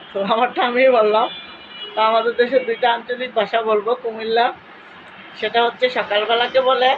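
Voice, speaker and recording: A woman's voice: on the high side, phone-quality sound, a little hiss or hum. Rambling woman with Cumilla Bengali accent. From Cumilla, Bangladesh. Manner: rambling, nostalgic storytelling with fillers. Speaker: vlogger. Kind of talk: casual chat to followers.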